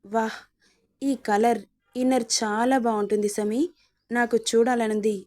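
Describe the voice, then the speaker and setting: A woman's voice: on the high side, fairly even intonation, a little slow, a little mellow, lightly acted. A woman reading a storybook, voicing a cruel and mocking young husband with a menacing, taunting manner. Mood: leering.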